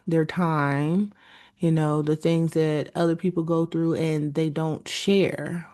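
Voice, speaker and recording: A podcast host with a low, dark-toned voice delivers an earnest, preachy solo monologue addressed directly to her listeners.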